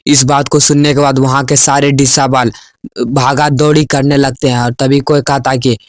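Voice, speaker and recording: A man's voice: medium pitch, flat delivery, moderate pace, no echo, clean studio sound. A man narrating a comic story recap in a storytelling voice and reading the characters' lines himself. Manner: reads all characters' quoted lines in his own voice.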